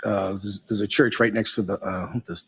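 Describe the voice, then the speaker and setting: A middle-aged man, a police officer on the witness stand, giving short, plain answers with hesitant pauses, heard through a courtroom recording. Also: lowish voice, fairly even intonation, breathy edge. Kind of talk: witness testimony.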